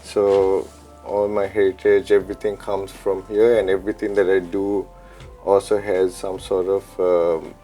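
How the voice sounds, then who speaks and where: A man in his thirties from Sri Lanka, speaking in a low, mellow voice with no edge to it. He answers questions in a relaxed, thoughtful way, pausing often with ums and uhs. Faint music runs under his lapel-mic audio from a studio set. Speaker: chef and DJ, interview guest. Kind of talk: casual interview answers. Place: studio set with pink backdrop.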